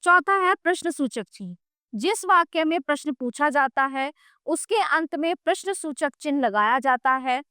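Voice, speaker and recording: Woman teacher explaining grammar to kids, pretty high voice, very dry sound, patient. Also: animated, moderate pace, sharp tone, no room sound. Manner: patient, explanatory, says "ठीक है" often. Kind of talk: grammar lesson for children.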